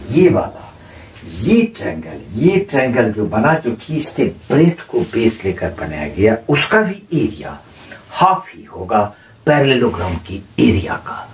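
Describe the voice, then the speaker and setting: Indian-guy teaching maths on a board, slow and sing-songy, kinda echoey and far from the mic. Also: on the high side. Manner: slow, repeats terms while pointing and writing. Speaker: maths tutor. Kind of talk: board lesson explaining geometry. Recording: roomy, slightly distant mic with faint noise.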